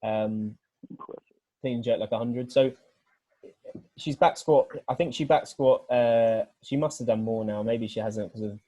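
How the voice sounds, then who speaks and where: A man's voice: mid-range voice, steady tone, measured pace, mellow, no echo. A man from Britain, a weightlifting coach, explains his ideas at length on a group video call. His voice sits mid-range and sounds dry and close, and he often restarts his sentences while thinking aloud. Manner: earnest, rambling explanation with many restarts. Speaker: weightlifting coach, guest speaker.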